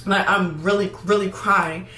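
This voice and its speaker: A young woman tells her own story to her viewers, quick and emphatic, often repeating words to stress them. Her voice sits back from the mic in a roomy, echoing space, at a middling pitch. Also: steady tone, pushed and bright, far from the mic, soft background music. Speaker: vlogger. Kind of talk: storytime vlog.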